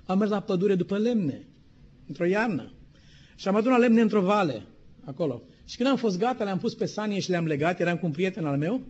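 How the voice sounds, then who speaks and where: A middle-aged male pastor from Romania preaches a sermon in a fairly high voice, telling stories and putting questions to his listeners. He slows down to read quotations. The recording is dull and lo-fi. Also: darkish tone, breathy edge.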